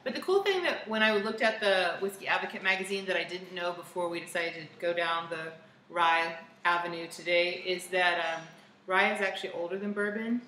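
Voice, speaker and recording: A woman's voice: lowish voice, a little fast, bright, forceful tone, reverberant, slight background noise, low-quality recording. A bubbly, giggly woman co-hosting a casual whiskey tasting chat in a bar's party room. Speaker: co-host.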